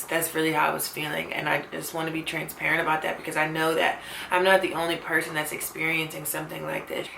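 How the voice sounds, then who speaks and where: Recorded on a camera mic in low quality, with an echoey room and a little hiss or hum, this woman's deep voice is creaky and a bit bright. She's a vlogger in her twenties, talking personally and candidly to camera in an earnest, reflective way, peppered with "like" and "you know."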